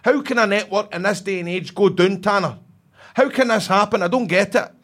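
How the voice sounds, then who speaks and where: A man's voice: sits high, a little fast, a bit bright. A man with a broad Scottish accent telling a colloquial, sweary anecdote as a podcast host, acting out bits of dialogue in casual chat.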